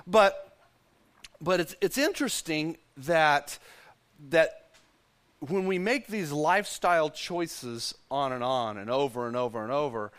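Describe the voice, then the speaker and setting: A middle-aged pastor from Texas with a Texan accent, telling a story in a conversational sermon with self-deprecating humor. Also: male voice, a little high, lively intonation, measured pace, fairly bright tone.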